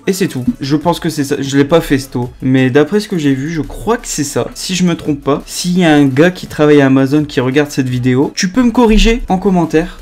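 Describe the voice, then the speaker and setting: Chatty young man, fairly high. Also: a little mellow. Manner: chatty, improvised, many fillers. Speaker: vlogger. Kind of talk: unscripted casual vlog talk.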